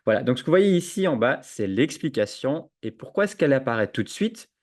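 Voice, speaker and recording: A man giving a screen-share software tutorial to teachers, hesitant with many fillers and restarts, on a computer microphone. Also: medium pitch, very animated, a little fast. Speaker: educational software trainer. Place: at a computer, webinar with chat. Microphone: own computer microphone with noise suppression.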